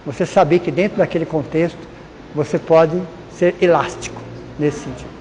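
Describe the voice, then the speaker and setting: A man's voice: on the high side, fairly even intonation, normal speed, a little mellow. A Brazilian man giving an informal lecture to a live class, chatty and repeating key words, often quizzing the audience. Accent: Brazilian Portuguese. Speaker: lecturer at a spiritist course. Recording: reverberant hall with faint noise.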